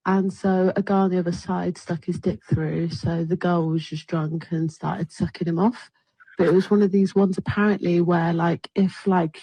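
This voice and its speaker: A husky-voiced woman, recorded dry. She tells a story casually and chattily, sprinkling it with "like". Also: on the low side, dark tone, dry recording, rough recording. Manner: informal, chatty, frequent "like".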